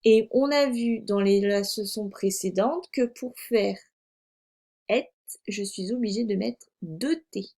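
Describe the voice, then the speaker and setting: A woman's voice: mid-range voice, takes it slowly, warm tone. A woman teaching a reading lesson to young children, speaking patiently, repeating words and spelling them out letter by letter for dictation. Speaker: first-grade teacher.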